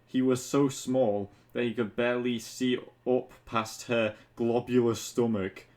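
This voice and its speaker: Medium in pitch, flat and unhurried, with a slightly mellow quality, this man narrates fan fiction for an online video. He regularly breaks off into casual, mocking asides that include some swearing.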